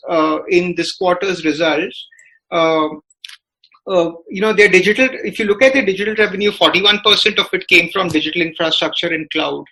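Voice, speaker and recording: Speaking with an Indian accent, this man delivers analytical podcast commentary as a business reporter, his speech halting and full of fillers. His voice is high-pitched, pushed and bright, and the audio quality is poor.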